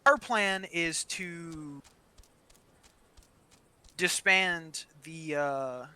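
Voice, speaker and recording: A gaming channel co-player chats casually during gameplay, telling stories bluntly with some swearing. His fairly high voice is very slow, sharp, clear and resonant.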